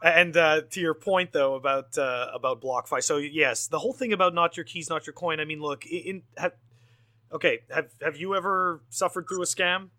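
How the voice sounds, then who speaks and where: A man with a fairly high, bright, sharp-edged voice, chatting as a podcast guest. He stammers and restarts his sentences often. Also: moderate pace. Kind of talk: casual podcast conversation.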